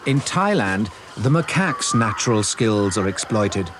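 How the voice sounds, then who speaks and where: Male nature documentary narrator over loud wildlife noise. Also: on the low side, big pitch swings, measured pace.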